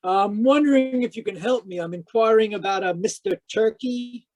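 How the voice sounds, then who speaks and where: Performing live over a video call, an actor plays a wry, inquisitive male private detective in a radio drama, telling his story hard-boiled style through first-person narration and dialogue. His natural voice sits high, a little mellow, at a moderate pace.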